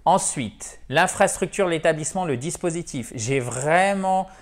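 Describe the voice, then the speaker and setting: A French-speaking man giving a video lesson on English pronunciation, drilling words slowly and repeating them. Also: on the high side, animated.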